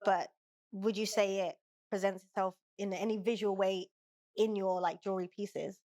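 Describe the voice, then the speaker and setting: A woman's voice: medium pitch, little pitch movement, normal speed, darkish tone. A female podcast host asking probing follow-up questions and murmuring brief agreement. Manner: probing questions, frequent short backchannel murmurs. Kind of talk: casual interview talk.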